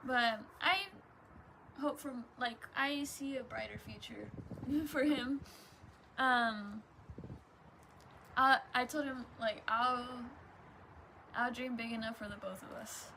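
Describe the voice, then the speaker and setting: A woman's voice: on the high side, steady tone, takes it slowly, gravelly, long pauses, bright, forceful tone, slight background noise, low-quality recording. A young adult woman chatting casually and rambling in a laid-back stoner drawl, trailing off and prone to giggles. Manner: giggly, often breaking into laughter. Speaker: vlogger. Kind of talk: casual rambling solo chat.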